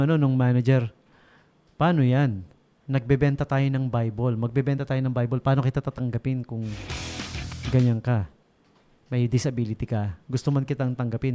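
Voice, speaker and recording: A man, a radio DJ, telling comic stories on air, animated and often breaking into loud laughter. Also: medium pitch. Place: radio studio.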